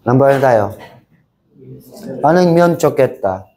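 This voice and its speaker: A man's voice: mid-range voice, expressive, a little slow, warm tone. Man teaching a Korean class. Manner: drills class in chorus, switches between Tagalog, English and Korean. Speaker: language teacher. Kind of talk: Korean exam review class.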